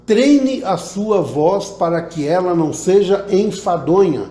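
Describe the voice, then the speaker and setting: This public speaking teacher talks slowly in a high, dark voice with lively intonation and a Southern Brazilian Portuguese accent. Interviewed as a guest, he gives tips and demonstrates emphasis, with slight hiss or hum and echo from the room.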